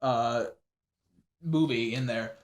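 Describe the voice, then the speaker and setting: A man co-hosting a podcast in casual chat, talking in halting bursts with many restarts and blunt swearing. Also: medium pitch. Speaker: podcast co-host. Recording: roomy echo.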